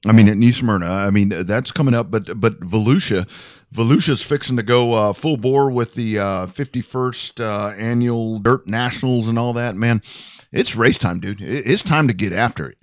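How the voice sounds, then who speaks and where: A man's voice: on the low side, normal speed, no echo, studio quality. Chatty laughing male sports show host. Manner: laughing, loose and rambling. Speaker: podcast host. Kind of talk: casual sports talk.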